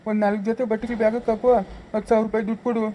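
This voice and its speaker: A woman's voice: fairly high pitch, level tone, racing, lo-fi sound, a little hiss or hum, close to an everyday voice. A woman playing a guilty village husband who begs his wife for forgiveness, speaking with a rural Chikkaballapura Kannada accent in a pleading way. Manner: pleading and begging. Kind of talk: village family drama skit.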